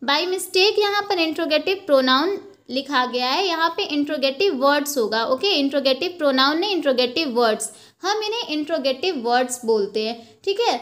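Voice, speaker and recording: A young woman teaching an English grammar lesson from slides, explaining slowly and checking in with "ok" after each point. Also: high voice, animated, a bit bright. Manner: slow, explanatory, repeats points with "ok" and "theek hai". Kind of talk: slide-based lesson, Hindi with English terms.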